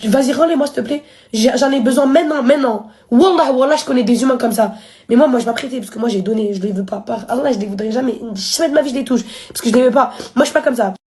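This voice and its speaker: Fast-talking young woman telling her story. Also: darkish tone. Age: 20s. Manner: rapid slangy talk, acting out quotes with big pitch jumps. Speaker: live streamer. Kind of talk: casual storytelling on a livestream.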